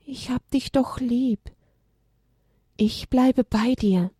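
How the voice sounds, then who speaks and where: A woman's voice: high-pitched, steady tone, takes it slowly, darkish tone, dry recording, studio quality, voice pushed up. Woman doing a tearful young storybook animal. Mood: tender. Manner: pleading, tearful.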